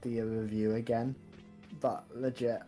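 A woman streamer with a tired voice chats in halting, trailing phrases. Her pitch sits very low for a woman. Quiet music plays faintly underneath. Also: level tone. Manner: halting, trailing off, laughs softly. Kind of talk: casual gaming stream chat.

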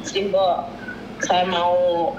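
A woman's voice: on the low side, flat delivery, drawn-out words. A woman in her forties telling her story in a casual interview, rambling and often acting out the voices of others. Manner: meandering, acts out quoted voices, repeats "Miss". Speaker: interview guest, former domestic worker. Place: small home room. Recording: roomy, dull, noisy room recording.

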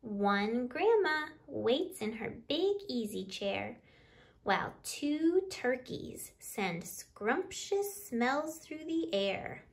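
Reading a children's picture book aloud, a woman in her thirties leads storytime from a small living room near a window, a few feet back from the camera. Her high voice is very animated and very slow, and a slight hiss or hum runs underneath.

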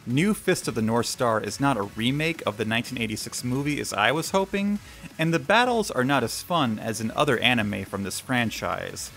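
A man's voice: medium pitch, expressive, normal speed, creaky, fairly bright tone. A man reading a scripted anime review as narration. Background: faint music.

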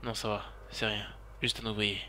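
A man's voice: on the low side, flat delivery, normal speed, slight background noise. A man giving frantic in-character commentary while playing a driving game, swearing and repeating his exclamations. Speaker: gaming YouTuber role-playing his character. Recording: loud car and siren game sounds behind. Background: car engines and police sirens from the game.

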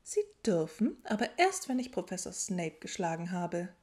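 A woman voicing a stern elderly headmistress with dry humor, speaking crisply and strictly. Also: lowish voice, big pitch swings, moderate pace, darkish tone. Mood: stern, teasing.

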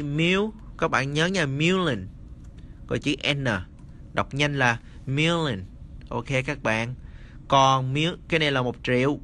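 A man teaching English number words in a casual spoken lesson, slowly repeating each word and checking that the viewers follow. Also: mid-range voice, sharp tone, slight background noise. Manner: slow, repeats words, addresses viewers as friends.

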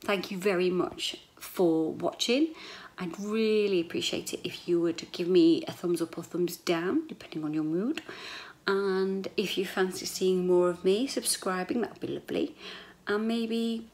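This is a middle-aged British woman's casual vlog, shot indoors in a small echoey bedroom on a handheld camera at arm's length. Her voice is lowish and darkish, a little slow, and she rambles playfully with mild swearing as she talks to the camera.

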